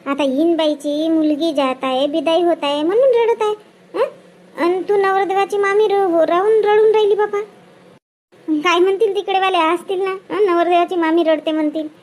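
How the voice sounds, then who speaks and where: Woman acting as a fussy village auntie, very high voice, brisk, bossy. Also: steady tone, a little mellow. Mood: fussing. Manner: brisk, bossy, full of questioning "hm?" tags. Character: chatty village woman at a wedding, bossy and fussing. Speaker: wedding guest in a comedy skit. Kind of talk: village comedy skit acting.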